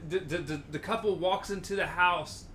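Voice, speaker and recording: A man co-hosting a podcast in casual chat, telling stories with animated acted-out quotes. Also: high-pitched, moderate pace, a crowd in the background. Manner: animated storytelling, acts out quotes. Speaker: podcast co-host.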